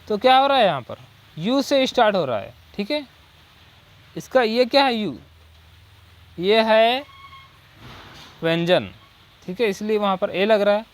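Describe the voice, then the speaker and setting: In a Hindi lesson on English articles, a coaching teacher with a high male voice drills students through rhetorical questions he keeps repeating, along with "ठीक है." English example sentences are read out slowly.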